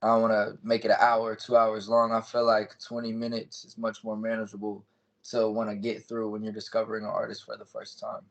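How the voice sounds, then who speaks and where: Male interview guest, twenties, lowish voice, casual explanatory delivery, dull lo-fi recording. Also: completely flat delivery, a little fast, vocal fry. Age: 20s. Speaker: music artist being interviewed. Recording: dull, lo-fi call audio.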